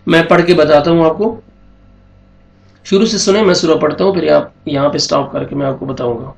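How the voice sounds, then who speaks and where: A man's voice: fairly high pitch, creaky, roomy sound. A man teaching Quran recitation rules, explaining each sound patiently step by step. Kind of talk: tajweed lesson.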